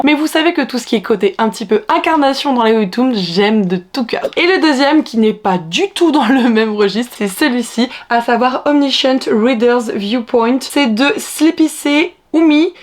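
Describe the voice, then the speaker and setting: A woman's voice: medium pitch, a little mellow. A young woman who hosts a book unboxing vlog and talks in a casual, enthusiastic, exclamatory way. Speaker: book vlogger.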